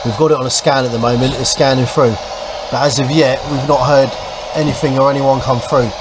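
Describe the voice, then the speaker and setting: Brisk and fairly even in intonation, a British boat restoration vlogger gives informal commentary while working on a small boat. Behind him there's noisy ambience and a rumble like an engine.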